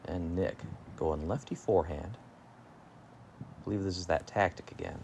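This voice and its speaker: A man giving low-key, measured golf commentary, calling the play shot by shot. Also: creaky, a little mellow, a little hiss or hum.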